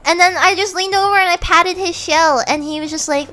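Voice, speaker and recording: A woman's voice: extremely high pitch, fairly quick, pushed and bright. A young American woman streamer chatting casually and animatedly, giggling as she tells stories. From United States. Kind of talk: casual chat.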